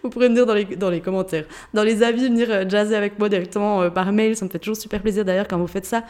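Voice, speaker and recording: With a darkish, medium-pitched voice, a Swiss woman speaks quickly and with fairly even intonation on her solo mindset podcast. Her Jura French accent comes through as she addresses the listener in a chatty, informal way as host and mindset coach.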